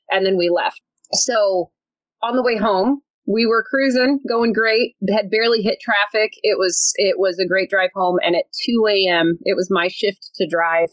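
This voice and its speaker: A woman tells a story in a casual, chatty way, laughing often and filling gaps with "like". Her voice sits in a middle pitch. The sound is dry and close. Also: moderate pace, no echo, poor audio. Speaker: podcast guest.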